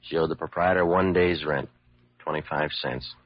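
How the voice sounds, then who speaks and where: In a muffled old radio recording, a man plays a cynical, world-weary, hard-boiled police lieutenant in a classic radio drama, speaking bluntly and with slang. His rumbling low voice holds a steady tone at normal speed, with a matter-of-fact mood.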